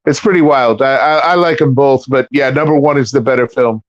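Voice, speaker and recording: A man's voice: mid-range voice, no room sound. A man chatting casually as a livestream guest, stammering and repeating words. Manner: stammering, quick to laugh. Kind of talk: casual chat. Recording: dry, dull lo-fi audio.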